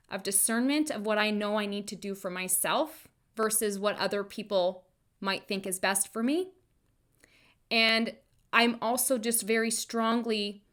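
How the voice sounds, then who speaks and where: Pushed and bright, with a fairly high pitch, the woman's voice carries her solo motivational podcast. As a chiropractor and wellness coach, she talks straight to her audience, informal and emphatic, repeating phrases for emphasis.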